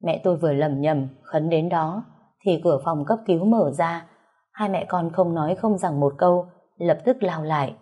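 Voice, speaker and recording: A woman's voice: fairly low pitch, normal speed, breathy edge, muffled recording. A woman narrating a story in an earnest, reflective reading. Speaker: audiobook narrator.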